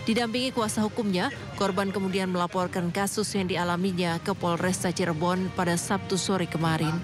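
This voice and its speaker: A woman narrating a news report as a field reporter, in a steady, formal voice-over. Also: mid-range voice.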